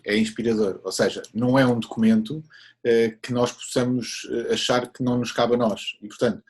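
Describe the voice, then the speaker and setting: A man's voice: medium pitch, breathy edge. A man, a scout leader answering interview questions in an earnest, explanatory way.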